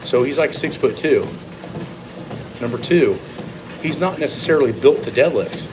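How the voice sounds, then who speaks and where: A man's voice: medium pitch, animated, moderate pace, background noise. A man giving a casual, opinionated, off-the-cuff training monologue as a strength coach, speaking bluntly. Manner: blunt, opinionated, occasional swearing. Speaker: strength coach and former competitive lifter.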